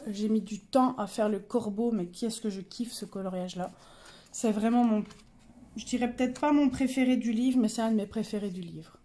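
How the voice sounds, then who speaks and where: A woman's voice: fairly high pitch, mellow, a little hiss or hum. A young woman casually showing her coloring pages, chatty and hesitant, with many fillers and self-corrections. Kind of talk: casual show-and-tell.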